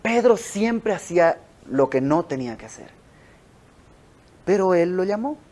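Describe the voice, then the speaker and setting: A young man with a Mexican accent teaches an informal Bible study in a house, talking with the listeners rather than preaching at them. His voice sits fairly high, and he tells the stories in an animated way, slipping into the characters' lines as he goes. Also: a little slow. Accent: Mexican Spanish. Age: young adult. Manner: conversational, animated storytelling with quoted dialogue. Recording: home recording with audio flaws.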